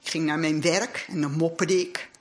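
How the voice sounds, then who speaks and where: A woman's voice: deep voice, fairly even intonation, normal speed, slight background noise. Earnest woman preaching a sermon. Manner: earnest, reflective preaching with scripture quotes. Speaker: lay speaker at a congregation. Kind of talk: sermon with personal testimony. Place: church hall.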